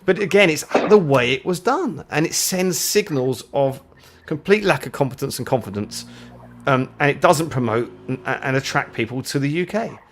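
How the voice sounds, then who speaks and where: Co-hosting a relaxed live chat, this British man meanders and repeats himself while groping toward what he means. He has a mid-range voice with lively intonation and a moderate pace, and there's slight background noise.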